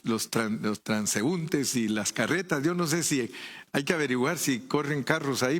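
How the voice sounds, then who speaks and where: Guatemalan guy preaching a sermon, easygoing, keeps asking the congregation stuff. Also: mid-range voice. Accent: Guatemalan Spanish. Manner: conversational, asks the congregation rhetorical questions.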